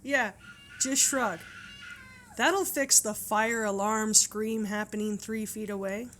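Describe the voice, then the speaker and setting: A woman's voice: mid-range voice, takes it slowly, fairly bright tone, a little hiss or hum. A woman playing a sarcastic, exasperated bystander griping in a comedy parody.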